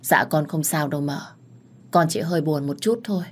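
A woman voicing a young, heartbroken servant girl who is crying and answering back in a raised, shrill voice. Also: normal speed. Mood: timid. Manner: sobbing, shrill when angry.

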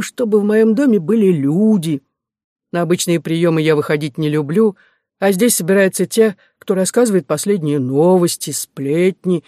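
A man reading the part of a lonely, humorous old widowed uncle in an audiobook, in a reminiscing, gently teasing manner. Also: sits high, no echo, studio quality.

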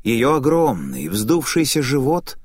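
A man's voice: medium pitch, big pitch swings, unhurried, slightly rough, no room sound, studio quality. A man narrating a tense first-person story as an audiobook reading.

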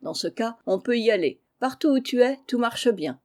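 A woman's voice: fairly high pitch, expressive, normal speed, darkish tone, voice pushed up, close to an everyday voice. Woman voicing a good-humored old military uncle, teasing. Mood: jovial. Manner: cheerful and teasing. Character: jovial old general, an uncle.

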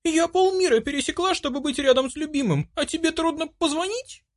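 Man voicing a young woman, high voice, lively pitch, bossy, self-assured, audiobook figure. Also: brisk. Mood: indignant. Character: brash young woman, priest's daughter.

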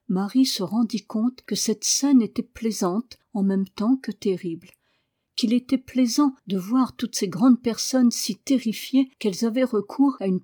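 A woman reading a novel aloud as audiobook narration, measured and expressive. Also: medium pitch. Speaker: audiobook reader. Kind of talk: scripted narration.

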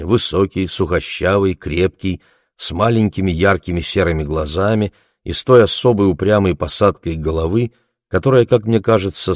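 A man narrates an audiobook with a deep voice, at a measured and reflective pace. The sound is dry and close, with no room around it. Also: no echo.

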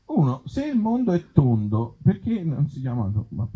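On a muffled, dull live recording from an outdoor festival, a Tuscan man who writes and acts reads absurd comic pieces and chats informally with his audience. His voice runs on the high side with wildly swooping pitch at a normal speed, and his manner is wry and self-deprecating, peppered with hesitant asides.

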